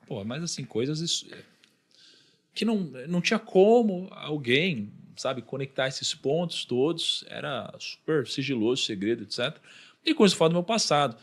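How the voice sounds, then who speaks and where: A man with a Brazilian accent, a podcast guest telling a personal story and acting out what others said. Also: a little high. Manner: animated, acts out the voices of others in his story.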